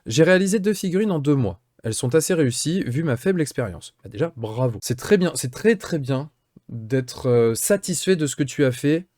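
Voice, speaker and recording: A French-accented man in his late thirties hosts a miniature painting channel, casually reading viewer questions and answering them in a chatty way full of fillers. His voice is on the high side and a little mellow, brisk with lively intonation, in studio quality with no echo.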